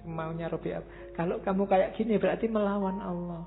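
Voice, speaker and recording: A man's voice: sits high, steady tone, brisk, gravelly. A man giving a casual philosophy lecture, chatting with his audience and asking rhetorical questions. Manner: conversational, asks the audience rhetorical questions, homely examples. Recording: tinny lo-fi recording with faint music behind.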